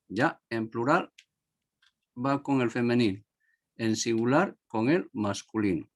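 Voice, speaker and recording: A man's voice: medium pitch, lively intonation, a little slow. A man teaching a grammar lesson to a class, repeating each example word and asking if everyone understood.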